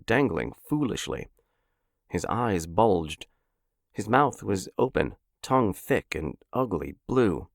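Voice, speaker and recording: A male narrator with a low, gravelly voice reads a story dramatically, his pitch leaping through a very wide range. The sound is close and completely dry. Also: dry recording. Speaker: narrator and host.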